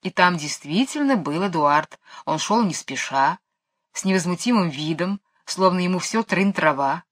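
A woman's voice: lowish voice, moderate pace. Woman reading a children's story aloud. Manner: expressive, lively reading. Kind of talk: storybook narration.

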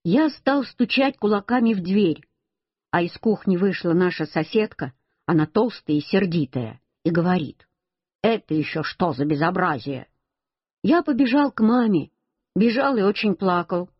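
A woman reads a children's story aloud in the first person, speaking as a little boy. Her voice is husky and breathy. The recording is dry, close and dull, with a lo-fi sound. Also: mid-range voice, expressive, normal speed, no echo. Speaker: reader.

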